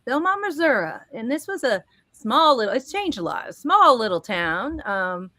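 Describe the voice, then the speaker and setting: A woman in her fifties from Connecticut, a guest educator telling her first-year story, emotional and quick to laugh. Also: on the high side, very animated, sharp tone, no echo. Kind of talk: panel discussion answer.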